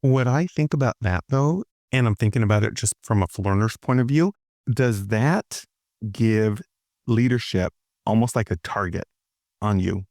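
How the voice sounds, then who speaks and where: A man's voice: on the low side, moderate pace, darkish tone, no echo, clean studio sound. A man co-hosting a podcast, raising a thoughtful follow-up question from a learner's point of view. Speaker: podcast co-host. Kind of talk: podcast conversation, asking a question.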